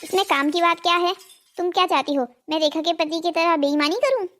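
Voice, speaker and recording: A woman voicing an honest, patient village husband in a cartoon drama who moralizes calmly. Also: extremely high pitch, fairly quick, soft background music. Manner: calm moralizing.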